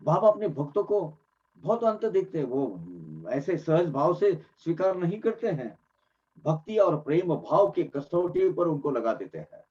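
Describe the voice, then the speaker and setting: A man's voice: on the high side, animated, measured pace, warm tone. A man giving earnest devotional commentary on scripture, explaining emphatically and often restarting his phrases. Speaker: religious discourse speaker. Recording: dull lo-fi recording.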